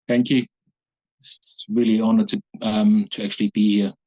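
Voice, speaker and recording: A man in his forties from Samoa, speaking haltingly as a guest in an interview. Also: fairly low pitch, little pitch movement, dark tone, lo-fi sound. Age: 40s. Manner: halting, searching for words. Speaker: guest, abuse survivor. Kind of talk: personal interview.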